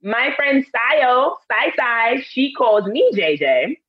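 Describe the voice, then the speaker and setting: A woman's voice: fairly high pitch, big pitch swings, slow, muffled recording. A woman from Harlem, New York, co-hosting a casual chat and telling stories with a laugh. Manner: laughing, chatty storyteller. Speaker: co-host.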